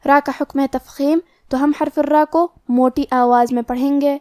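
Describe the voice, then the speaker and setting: A woman teaching tajweed, explaining each rule plainly and then reciting the words slowly. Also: sits high, fairly even intonation, mellow, no room sound, clean studio sound. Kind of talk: tajweed lesson with slow recitation.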